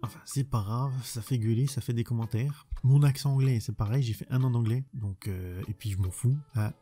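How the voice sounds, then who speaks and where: A man's voice: mid-range voice, brisk, dark tone, slightly rough, faint music behind. A man chatting bluntly in a casual vlog, rambling and restarting as he answers viewer questions. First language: French.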